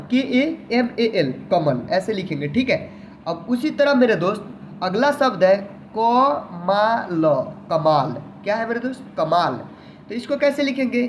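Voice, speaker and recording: A man's voice: high voice, slight background noise. A man teaching an online lesson in a patient manner, who repeats each word several times and often addresses the viewer as his friend.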